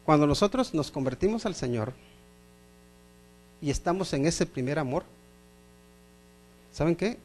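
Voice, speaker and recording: A man's voice: fairly high pitch, lively intonation, a little slow, pauses often, darkish tone. A middle-aged man preaching a sermon as pastor, emphatic, repeating phrases and asking the congregation questions.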